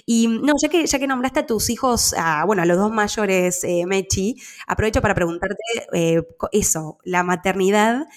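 A woman's voice: mid-range voice, normal speed, hardly any pauses. A woman co-hosting a podcast, asking long questions full of fillers. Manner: warm, rambling questions with fillers. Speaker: podcast co-host. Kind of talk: casual podcast interview.

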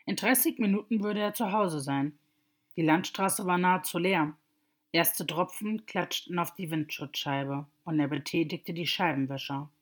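A woman reading a story aloud as narrator, in a steady, measured way. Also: deep voice.

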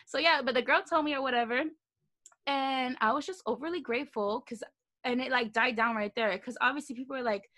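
A young woman with a high, sharply bright voice tells gossip in a casual chat. She is slangy and emphatic, punching her words as she recounts each story. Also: brisk.

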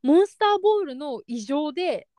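A woman's voice: high-pitched, animated, moderate pace, mellow, no echo, studio quality. A young woman co-hosting a casual podcast, telling a story animatedly and acting out the lines of the people in it. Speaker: podcast co-host.

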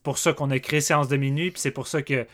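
A man with a Quebec French accent co-hosting a casual film podcast, talking in an animated way and often repeating words as he starts a thought. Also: medium pitch, fast talker. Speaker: podcast co-host.

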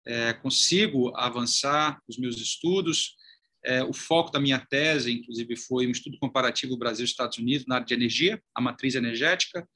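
Speaking at a brisk pace, this man's mid-range voice comes across pushed and bright. He's a chamber of commerce president in his forties from Salvador, Bahia, Brazil, walking through his career in a conversational interview, well-spoken yet prone to fillers.

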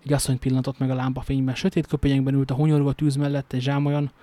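Man, novel reading, casual asides, mid pitch, dry recording. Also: completely flat delivery, dark tone, dry recording. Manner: reads with slips and casual joking asides. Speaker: amateur reader.

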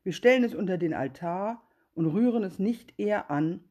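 A woman's voice: mid-range voice, lively intonation, normal speed, darkish tone, natural voice. A woman doing a sly, coaxing greedy cat. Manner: sweet-talking, coaxing, then curt. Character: sly greedy female cat, smooth talker.

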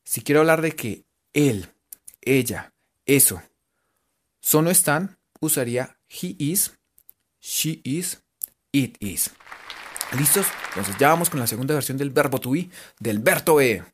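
A man's voice: medium pitch, animated, unhurried, pauses often, slightly rough. A man with a Colombian accent giving a playful English lesson on local radio, spelling letters out and checking in with listeners.

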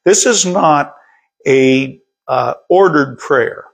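A slow, unhurried male pastor with a gravelly, husky voice, preaching in a relaxed conversational way. He is middle-aged, repeats words now and then, and reads scripture aloud between his own comments. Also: a little high. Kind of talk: sermon.

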